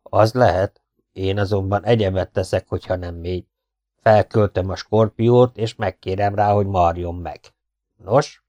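A fat, rude scorpion charmer who scolds and brags in an unhurried, low voice, as a male audiobook reader puts him on. He sounds sly and self-satisfied. The recording is close and dry. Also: fairly even intonation, dark tone, no room sound, dull audio, natural voice. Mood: bossy. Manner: blunt, scolding, slow and cocky. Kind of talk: audiobook character voice.

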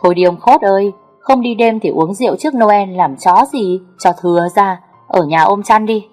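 A woman's voice: mid-range voice, moderate pace, faint music behind, lightly acted. A woman reading a teasing young guy on the phone. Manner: teasing, loud and laughing.

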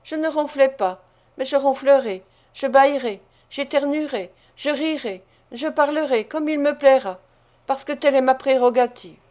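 A woman's voice: high voice, moderate pace, warm tone, close to an everyday voice. Woman reader as pompous blustering male official, lordly tone, audiobook. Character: pompous self-important male parish beadle.

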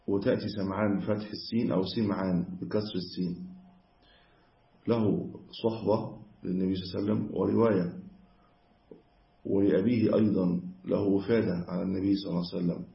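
A man giving a religious lesson on hadith, explaining in a measured way and correcting himself mid-word. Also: deep voice, vocal fry. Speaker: Islamic scholar teaching hadith. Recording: echoey room, dull lo-fi sound.

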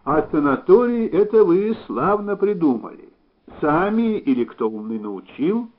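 A man voicing a weighty older male Soviet official who talks slowly, deliberately and in a folksy way, on a slightly dull recording. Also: medium pitch, sing-song, voice pushed up. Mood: eager.

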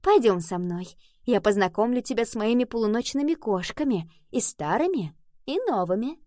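A woman voicing an affectionate, excited cat queen in a storybook. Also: moderate pace, no room sound, clean studio sound, lightly acted. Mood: delighted. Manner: high and exclaiming.

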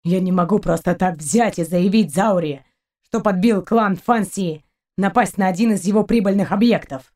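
A woman's voice: medium pitch, moderate pace, darkish tone, lightly acted. A woman reading aloud, voicing a brash male ship captain who grumbles and speaks curtly. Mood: gruff. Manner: grumbling, curt.

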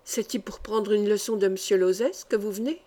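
A woman reading an audiobook voices a vulgar old woman who speaks low and bluntly. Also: normal speed, dark tone, close to an everyday voice. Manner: low, blunt, plain-spoken. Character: vulgar, common old woman waiting in a studio.

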